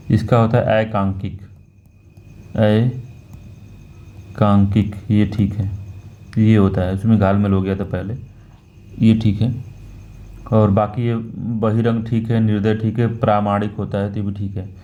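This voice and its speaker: A man working through a Hindi exam paper as a teacher, slow and repetitive, often correcting himself. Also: lowish voice, flat delivery, warm tone, highs cut off. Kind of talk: talking through a Hindi test question by question.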